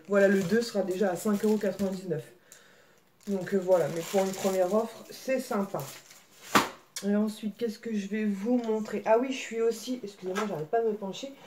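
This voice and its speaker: A woman's voice: mid-range voice, mellow, slight background noise. Chatty woman vlogger. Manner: chatty, many fillers, coughs and throat clearing. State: slight throat irritation. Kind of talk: casual haul vlog. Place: home.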